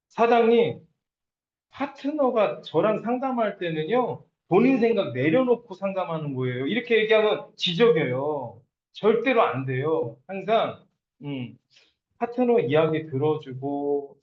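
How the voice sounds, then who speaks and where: A man giving a lecture on network marketing, acting out quoted partners and sponsors as he speaks. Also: high-pitched. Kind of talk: lecture to an audience. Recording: dull, echoey room.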